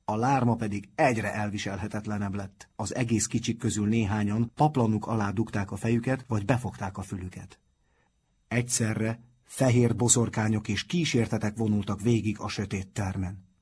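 A man with a husky voice narrating a children's book in a calm, steady storytelling manner. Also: fairly low pitch. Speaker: audiobook narrator. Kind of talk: scripted narration.

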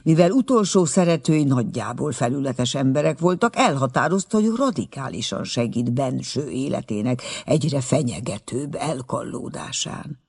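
A man's voice: mid-range voice, lively intonation, creaky, darkish tone, breathy edge. A man reading an audiobook and voicing an earnest, bashful young male doctor who tells his story eagerly.

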